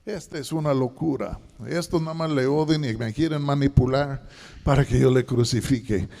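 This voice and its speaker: A man voicing a skeptical, weary Roman governor who muses in a low, quiet way, heard in a reverberant church hall. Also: fairly even intonation, normal speed, gravelly, natural voice.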